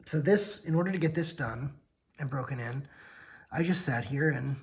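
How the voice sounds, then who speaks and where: Late at night, a weary knife-channel host yawns through a laid-back hands-on demo, wandering off topic and fixing his own explanations as he goes. He speaks at a moderate pace in a husky, medium-pitched voice, captured on a low-quality recording.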